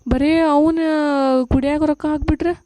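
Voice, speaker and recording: A woman's voice: sits high, fairly even intonation, normal speed, dark tone, no room sound, natural voice. A woman voicing a worn-out village mother with a North Karnataka Kannada accent, pleading and scolding about her drinking husband in a cartoon. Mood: exasperated. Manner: pleading, scolding, weary complaint. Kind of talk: cartoon voice acting.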